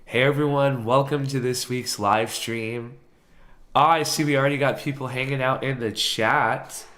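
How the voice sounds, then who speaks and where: A man hosting a casual live stream, sounding congested and hoarse from sinus trouble, chatty and quick to laugh. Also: mid-range voice, steady tone, a bit bright. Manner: chatty, laughs easily, apologetic. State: congested, sick voice.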